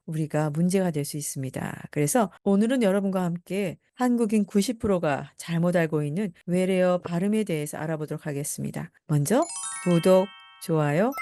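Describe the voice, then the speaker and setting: A woman teaching English pronunciation in a slow lesson, repeating each word with careful stress. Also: lowish voice, warm tone, dry recording, clean studio sound.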